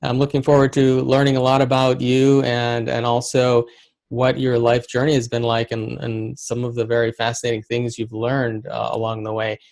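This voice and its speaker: Gravelly-voiced male interview host. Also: medium pitch, completely flat delivery, moderate pace, a little mellow. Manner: earnest, hesitant, with restarts. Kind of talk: interview hosting.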